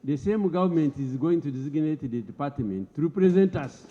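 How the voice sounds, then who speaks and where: A man's voice: on the high side, animated, brisk, mellow. A man speaking formally as a government minister in a parliamentary debate, often repeating words as he presses his point. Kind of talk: parliamentary address. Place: parliament chamber. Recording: lo-fi broadcast audio in a reverberant chamber.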